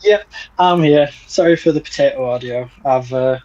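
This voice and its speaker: A man's voice: normal speed, dark tone. Man with a tinny, lo-fi voice. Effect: tinny, low-quality mic audio. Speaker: app co-developer on a livestream. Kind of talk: casual chat. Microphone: small built-in mic, not his usual microphone. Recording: dull lo-fi tinny mic.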